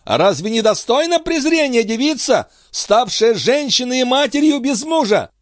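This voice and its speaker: A man voicing an anguished, jealous, imperious queen in an audiobook, crying out in a shrill falsetto. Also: animated, unhurried, darkish tone, dry recording, studio quality. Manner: shrill, cries out in high falsetto.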